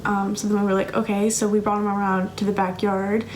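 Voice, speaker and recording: A young woman vlogger telling a casual storytime with fast, breathless, swear-laden delivery. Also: mid-range voice, completely flat delivery, darkish tone, slight background noise.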